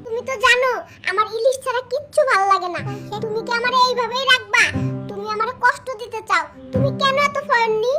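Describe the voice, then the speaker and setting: A high cartoon voice doing a whiny wife. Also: brisk, over loud music. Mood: whiny sulking. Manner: whiny, sulky, dramatic. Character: fussy wife who wants only hilsa fish. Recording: loud background noise.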